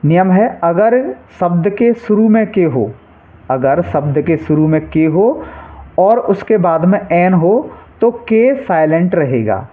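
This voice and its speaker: A man's voice: high-pitched, animated, slow pace. A man teaching English spelling rules, patient, stating each rule twice and quizzing the learner with short questions. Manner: patient, repeats each rule and asks quiz-style questions. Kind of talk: classroom-style explanation. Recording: tinny phone-like sound.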